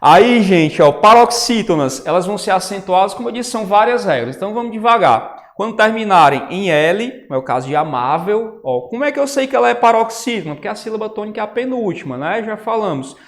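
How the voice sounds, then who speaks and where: This Portuguese teacher's high, expressive voice moves briskly with few pauses as he walks his online students through grammar step by step, checking in with them often. Peppering his talk with "né?" and "ó", he writes on a tablet while speaking, and a long reverb trails the audio.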